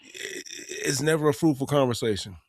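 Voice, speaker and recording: A man co-hosting a podcast, talking in a laid-back, slangy, measured way. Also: mid-range voice, no room sound, studio quality. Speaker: podcast co-host. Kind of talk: casual chat.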